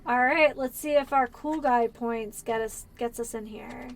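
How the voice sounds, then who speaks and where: Unhurried and a little high-pitched, a Pennsylvania woman with a Californian accent rambles in casual chat as she streams a game.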